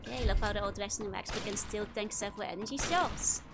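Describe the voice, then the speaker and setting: A woman's voice: medium pitch, quick pace, over loud music. A woman streamer giving casual, wry, giggly live commentary on a video game. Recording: clearly noisy, game sound behind. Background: video game sounds.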